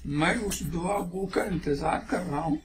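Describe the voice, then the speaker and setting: A man's voice: high-pitched, a little slow, slight background noise. A man speaking as a religious elder in a sermon-style address, with an aggrieved, indignant manner full of rhetorical questions.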